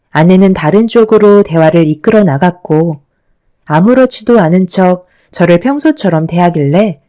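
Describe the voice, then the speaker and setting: A woman narrating a first-person radio story in a calm, even storytelling manner. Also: lowish voice.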